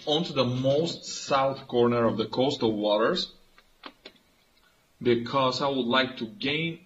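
A man from Bulgaria, a native Bulgarian speaker, calmly and methodically explaining his moves in a strategy board game. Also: medium pitch, rough recording. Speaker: player. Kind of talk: let's play commentary.

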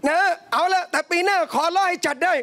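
A man with a strikingly high voice preaches a lively sermon to a live audience, telling animated stories. He keeps turning to his listeners as brothers and sisters. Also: fast. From southern Thailand. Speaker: Islamic preacher. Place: cafe hall, live talk.

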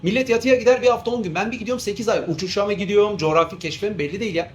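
A man's voice: high-pitched, rapid-fire, a little hiss or hum, close to an everyday voice. A man playing an exasperated male airline captain who grumbles, rants and swears between cabin announcements. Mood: ranting. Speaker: comedian doing a character. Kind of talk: comic monologue sketch.

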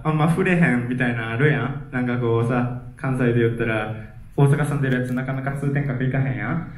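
A man's voice: medium pitch, darkish tone. Earnest Kansai man in echoey hall. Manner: loose, earnest, chuckling asides. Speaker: band frontman. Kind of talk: onstage concert talk. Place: large live music hall.

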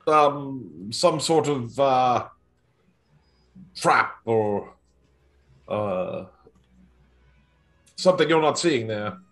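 A man in casual, improvised tabletop role-play, speaking in a hesitant, halting way. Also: mid-range voice, expressive, fairly bright tone, soft background music. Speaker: tabletop game player.

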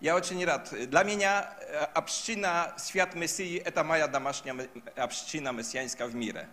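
A man in his fifties with a Polish accent, a native Polish speaker, preaching through personal stories in halting, imperfect speech on a handheld microphone. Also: on the high side, pushed and bright, slight background noise. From Poland. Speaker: guest preacher. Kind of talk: sermon with personal storytelling. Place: stage in a church hall.

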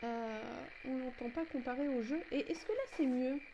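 A woman livestreams a game, chatting casually with viewers, greeting them by name and filling gaps with "euh." Her voice is high-pitched and mellow, and the lo-fi recording carries a slight hiss or hum.

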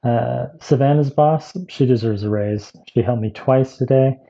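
A man's voice: medium pitch, a little slow, vocal fry, mellow, lo-fi sound. A man chatting casually through a gadget review vlog, rambling with asides as he tries out devices.

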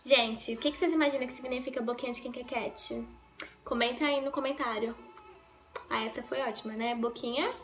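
A young woman from Brazil talks to her viewers while doing her makeup at home. Her voice is high and bright, and she jokes and rambles, correcting herself as she goes. Faint music plays under the recording. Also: steady tone, fairly quick. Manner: chatty and joking, rambling with self-corrections. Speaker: makeup vlogger. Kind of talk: casual get-ready-with-me vlog. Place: at home in a bedroom.

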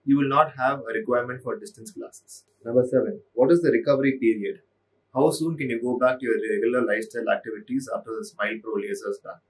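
A man in his thirties, an eye surgeon, explaining his patients' questions in a measured, methodical way, with occasional short restarts. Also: mid-range voice, recorded from a distance, rough recording. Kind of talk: explanatory Q&A talk to camera. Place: medium-sized clinic exam room.

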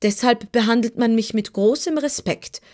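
A magical wooden sawhorse from a storybook, speaking earnestly and politely in a lifted voice, as a woman reader puts it on. It is modest, yet quietly proud of itself. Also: on the high side, normal speed, pitched above the performer's own voice, natural voice.

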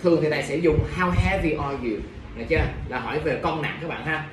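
A young male teacher leads a pronunciation drill, repeating each word slowly and checking in with students after each one. He is heard from across an echoey classroom, with a soft hum of room ambience behind him. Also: fairly high pitch. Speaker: English teacher. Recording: echoey room, mic far off.

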